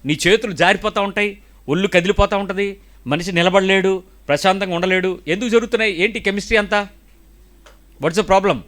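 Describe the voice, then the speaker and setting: A man's voice: sits high, fairly quick, pauses often, fairly bright tone. A man with a Telugu accent preaching a sermon, firing off rhetorical questions with emphasis.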